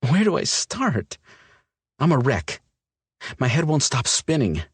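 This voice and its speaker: Guy doing a hurt young woman, defiant, voice pushed way up, husky edge, dry close mic. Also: mid-range voice, wildly swooping pitch, slow, dry recording, pitched above the performer's own voice, exaggerated voice. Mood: distraught. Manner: emotional, pleading, shaky. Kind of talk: audiobook character voice.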